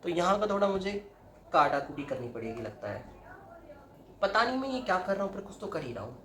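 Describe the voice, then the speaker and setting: A young male vlogger chats casually to camera while cutting his own hair at home, switching between Hindi and English and letting out dramatic yelps and laughs. His voice is high, sing-song, brisk, pushed and bright. The roomy indoor space gives an echoey sound with a faint hiss or hum.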